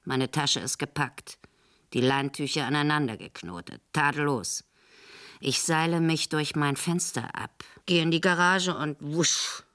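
A nervous young woman, low and slow. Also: a bit bright. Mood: determined. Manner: tense inner monologue, edging into whispers. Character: frightened young woman, nervous, planning to flee. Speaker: narrator-protagonist.

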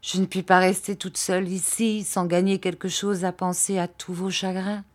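A woman's voice: on the low side, level tone, normal speed, lightly acted. A tearful, imploring aging widow, as a woman reader puts her on. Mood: pleading. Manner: imploring, emotional.

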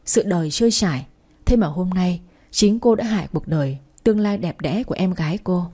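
A woman's voice: fairly low pitch, a little fast, dark tone, husky. A woman narrating a dramatic story in the first and third person, voicing all the characters herself.

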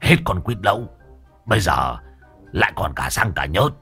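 A man voicing a grumbling, reproachful older fortune-teller in a low voice, in a spoken story. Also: lively intonation, normal speed, creaky, bright, forceful tone, husky, soft background music, exaggerated voice.

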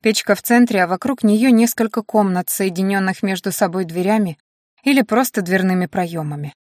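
A woman reading a first-person audiobook with steady, even storytelling. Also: mid-range voice, a little fast, no echo, studio quality. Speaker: audiobook narrator.

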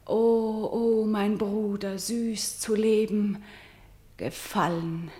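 An actress playing Antigone, a doomed young woman who is defiant and grieving, declaiming verse in a radio drama and swinging between loud cries and whispers. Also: medium pitch, steady tone, very slow. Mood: lamenting. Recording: roomy studio echo.

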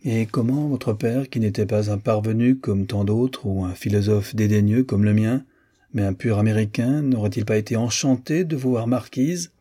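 A man's voice: on the low side, normal speed, dark tone, breathy edge. A man voicing a chatty, teasing young American society woman in an audiobook, playful and lightly mocking. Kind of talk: audiobook character voice.

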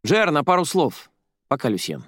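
A man's voice: on the high side, wildly swooping pitch, normal speed, a bit bright, no echo, voice pushed up, heavily acted. Audiobook: male reader doing a witty young heroine, dry booth. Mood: wry. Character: sharp-tongued young woman student.

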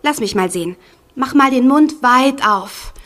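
A bossy, caring hospital nurse, with a fairly high voice. She gives brisk orders in radio play style. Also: animated, fairly bright tone. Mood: brisk, concerned. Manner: brisk, directive. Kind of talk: audio drama acting.

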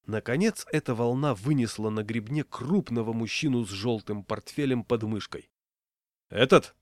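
A man's voice: mid-range voice, normal speed, a little mellow, no room sound. Wry male story narrator, dry close sound. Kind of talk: humorous story reading.

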